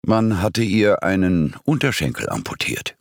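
A man voicing a gruff, grumbling police chief in an audiobook. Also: sits low, very animated, unhurried, no echo, clean studio sound, heavily acted.

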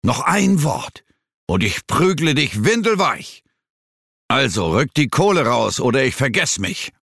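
A man's voice: low-pitched, very animated, a little slow, vocal fry, a bit bright, slightly rough, no room sound, clean studio sound, full character voice. A man voicing a scornful, threatening younger man in an audiobook thriller, his delivery mocking and cutting. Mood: menacing.

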